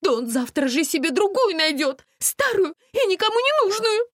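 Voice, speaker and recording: A shrill, hysterical young woman shrieks and whines in a high, swooping voice, as a woman reader puts her on. The sound is close and dry, and the figure comes across as a high-strung bus passenger from a spoken storybook. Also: expressive, normal speed, fairly bright tone, no echo. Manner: screeching, whiny.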